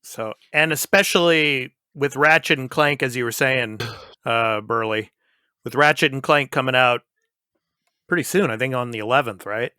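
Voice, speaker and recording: A man in his fifties chats as host of a gaming podcast. His voice is bright and forward, recorded dry and close. He is laid-back and laughs easily. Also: medium pitch, normal speed, smooth, no room sound. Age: 50s. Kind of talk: casual chat.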